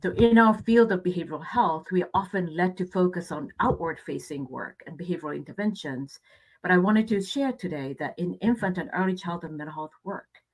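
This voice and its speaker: A middle-aged woman from Japan giving a conference presentation in a reflective, measured way, with hesitant fillers. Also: on the low side, rough recording.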